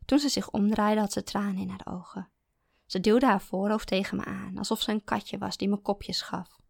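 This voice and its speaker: A woman narrating a first-person literary story in a calm, measured way. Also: mid-range voice, vocal fry, dry recording, clean studio sound.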